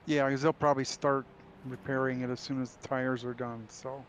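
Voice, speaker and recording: A man chatting casually and in a low-key way during a sim race. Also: little pitch movement, moderate pace, low-quality recording. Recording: loud vehicle noise behind. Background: race car engine noise.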